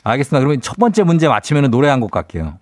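Lively, playful male radio DJ. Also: medium pitch, rapid-fire, dry recording. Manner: playful, teasing banter with a caller. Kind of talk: radio quiz show hosting.

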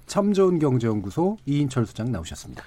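A man's voice: medium pitch, big pitch swings, fast, warm tone. A man hosting a public radio talk show, reading scripted introductions in a formal, articulate presenter's manner.

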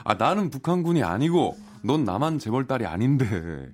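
Casting: a man as an exasperated, placating boyfriend in a comic radio sketch, his pitch swinging widely, faint music behind. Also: very animated, moderate pace, darkish tone. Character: flustered boyfriend in his thirties.

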